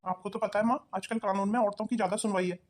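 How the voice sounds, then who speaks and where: A woman's voice: medium pitch, steady tone, very fast, darkish tone, lightly acted. A woman voicing a stern young husband who sides with his mother in a cartoon. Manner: harsh, commanding. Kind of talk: cartoon voice acting.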